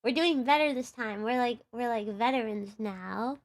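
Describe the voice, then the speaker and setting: A woman's voice: a little high, moderate pace. A young woman with a Texan accent, chatting casually on a live stream in a bubbly, giggly, rambling way. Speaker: livestreamer and VTuber.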